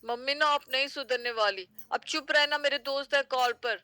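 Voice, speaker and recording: A spoiled young adult daughter in a family audio story answers curtly and impatiently, voiced by a woman. Her voice is bright and a bit high, and the recording is dry and close. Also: moderate pace, dry recording. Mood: irritated. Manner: curt, impatient.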